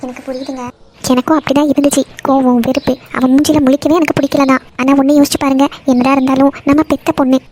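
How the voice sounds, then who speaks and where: A woman voicing a patient, forgiving mother in a cartoon, gently pleading with her husband. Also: high voice, level tone, fast talker, slight background noise, lightly acted. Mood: pleading, gentle. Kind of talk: Tamil cartoon voice acting.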